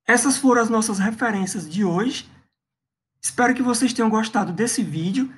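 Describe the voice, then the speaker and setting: A woman's voice: on the high side, moderate pace. Woman teaching, checking in constantly. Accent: Brazilian Portuguese. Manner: adds frequent checking tags like "tá bem?". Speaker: astronomy channel presenter. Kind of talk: explaining slides in an online lesson.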